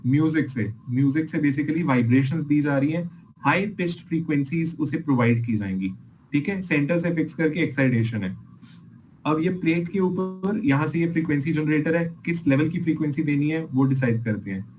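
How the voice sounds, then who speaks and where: A man's voice: fairly high pitch, a little hiss or hum, rough recording. A man teaching a class as an engineering lecturer, explaining experiment videos patiently and checking in with his students often.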